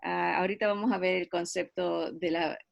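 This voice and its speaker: A middle-aged woman leading a Bible study, explaining at an unhurried pace with frequent pauses, hesitations and tag questions to her listeners. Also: lowish voice, fairly even intonation, gravelly, dry recording, muffled recording. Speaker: Bible teacher.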